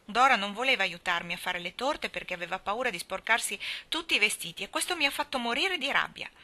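A woman's voice: medium pitch, sharp tone. A woman voicing a mischievous little boy who talks in an eager, cheeky way in a storybook reading.

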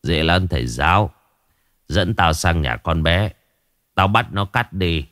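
A man voicing a stern, gruff old male village shaman in a spoken ghost story. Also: deep voice, expressive, a bit bright, no echo, studio quality, pitched below the performer's own voice, exaggerated voice. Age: older. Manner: gruff, commanding, slow.

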